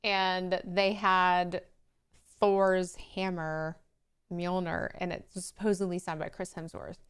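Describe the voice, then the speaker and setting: A woman co-hosting a casual livestream chat, playful and quick with asides. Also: lowish voice, level tone. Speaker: co-host.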